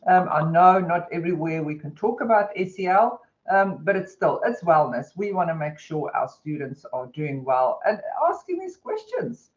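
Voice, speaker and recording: A woman's voice: on the low side, big pitch swings, normal speed, hardly any pauses. Chatty New Zealand woman presenting a webinar. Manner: chatty, conversational, many fillers. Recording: dull lo-fi webinar audio.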